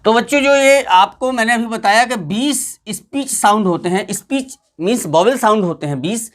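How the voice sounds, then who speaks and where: A man's voice: high voice, expressive, normal speed, fairly bright tone. A man teaching English pronunciation to students in a patient classroom lesson, repeating and drawing out each vowel sound.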